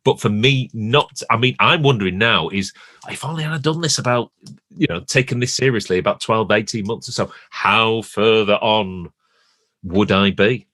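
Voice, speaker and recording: Male co-host, fairly low voice, conversational and halting, very dry recording. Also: sharp tone, no echo. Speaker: podcast co-host. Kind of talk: casual podcast chat.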